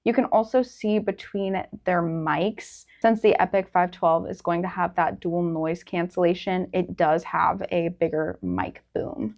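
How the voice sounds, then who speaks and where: A woman's voice: on the low side, measured pace, hardly any pauses, a little mellow. A woman hosting a product review in a casual presenting style.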